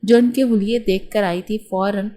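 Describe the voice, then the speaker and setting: A woman reads a romance novel aloud at a medium pitch, staying steady and even as she takes every part herself. Her delivery is scripted storytelling. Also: moderate pace. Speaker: novel narrator. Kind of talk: scripted narration of a romance novel with acted dialogue.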